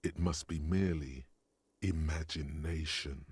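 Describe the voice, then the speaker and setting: An actor voicing a brooding omniscient inner narrator in a video game, slow, solemn and ominous. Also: male voice, rumbling low, slightly rough, no echo, heavily acted. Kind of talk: scripted second-person narration.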